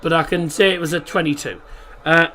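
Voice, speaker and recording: High, bright-voiced man saying R as W. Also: fairly even intonation. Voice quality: can't pronounce R's, says them as W. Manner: chatty, halting, self-correcting. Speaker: football watchalong streamer and host. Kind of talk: casual live match commentary and chat.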